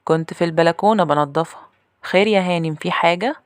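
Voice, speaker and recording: A woman voicing a sly, unsettling housemaid who answers calmly and curtly. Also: lowish voice, fast talker, smooth, dry recording, studio quality, natural voice. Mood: polite.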